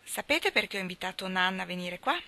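A woman reading aloud, voicing a calm, motherly headmistress who speaks in a measured way. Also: medium pitch.

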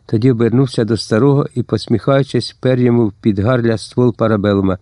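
A man reading a first-person audiobook with lively storytelling that slips into a slangy tough-guy voice. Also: medium pitch, fast, dry recording, studio quality. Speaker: audiobook narrator. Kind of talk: scripted first-person narration.

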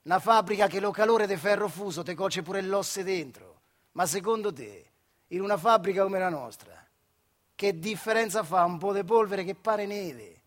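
In a radio theatre monologue, an actor with a high-pitched male voice plays a bitter old retired factory worker, speaking earthy, colloquial central Italian dialect from the Marche. At a moderate pace and lightly acted, he swings between hushed and loud tones, sounding wry and reminiscent.

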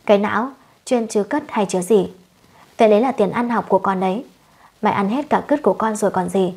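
A woman doing a furious, shrill village wife. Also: a little fast, darkish tone, slightly rough. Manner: shrill scolding, cursing. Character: furious young village wife, sharp-tongued.

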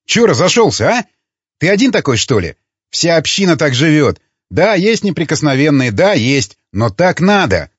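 A man voicing a defensive, argumentative community loyalist with a husky voice. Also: on the high side, very animated, moderate pace, no echo, pitched above the performer's own voice. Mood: indignant. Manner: hectoring, argumentative. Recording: dull lo-fi recording.

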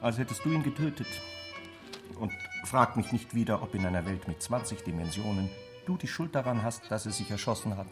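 An actor in a radio play voices a mocking, talkative man who needles his friend with theatrical, sardonic questions. His voice is on the low side, expressive, brisk and natural, with music playing behind it.

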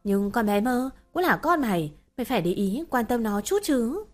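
Bossy middle-aged village woman, loud and scolding, read by a woman narrator. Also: fairly high pitch, sing-song, moderate pace.

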